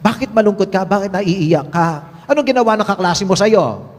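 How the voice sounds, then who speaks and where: A caring, worried mother asks soft, pleading questions in a high voice, as a preacher puts her on. The sound rings with a long hall reverb, as if from a large room. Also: animated, normal speed. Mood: concerned.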